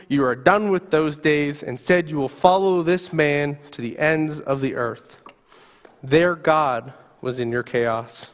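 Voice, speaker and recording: A man's voice: fairly high pitch, big-room sound. A male pastor preaching a sermon, telling a story vividly in the second person.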